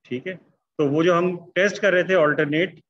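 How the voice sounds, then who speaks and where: A man's voice: high voice, fairly bright tone, muffled recording, a little hiss or hum. A man teaching statistics in an online class, dictating sentences word by word as he writes them out. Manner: slow, dictating word by word while writing.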